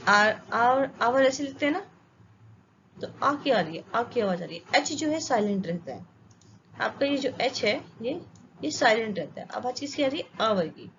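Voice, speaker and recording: Her fairly high voice is a bit bright, lively in intonation and at normal speed as this Indian-accented woman teaches English grammar. She quizzes the class, answers herself and checks understanding, in a dull lo-fi recording with faint ambience and slight background noise.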